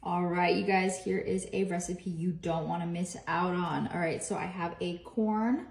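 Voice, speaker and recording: A woman's voice: on the low side, fairly even intonation, normal speed, creaky, a little mellow. A woman giving an upbeat, chatty step-by-step cooking demonstration in a home kitchen. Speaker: cooking vlogger. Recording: roomy echo, faint noise.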